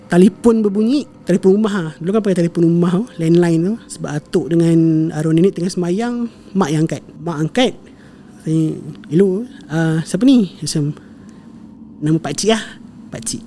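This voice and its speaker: Talking fairly quickly in a high voice with a dark tone, a young podcast guest recounts a family story in casual conversation. He rambles, uses lots of fillers, corrects himself often, and drops in English words; a little hiss or hum is audible.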